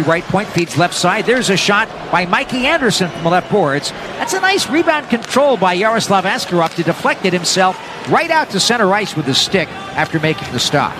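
A North American man calling live ice hockey play-by-play for radio in an energetic, descriptive running style. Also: high-pitched, noisy background. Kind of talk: live sports play-by-play commentary.

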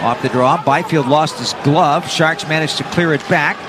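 A North American man calling live ice hockey play-by-play for radio in an energetic, descriptive running style. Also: on the high side, normal speed, noisy background. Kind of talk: live sports play-by-play commentary.

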